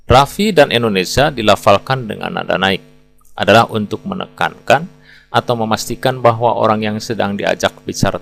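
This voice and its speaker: A man with a very deep voice narrates a pronunciation lesson in a calm, explanatory way. Soft music plays faintly behind him. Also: vocal fry. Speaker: English pronunciation teacher.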